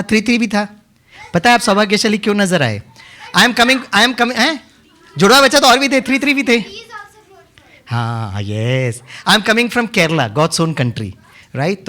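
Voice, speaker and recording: A man's voice: sits high, fairly bright tone. Guy running a kids camp class on a handheld mic, teasing and coaxing, voice swings up and down a lot. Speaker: kids' camp session leader. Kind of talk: playful classroom teaching. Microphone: handheld microphone.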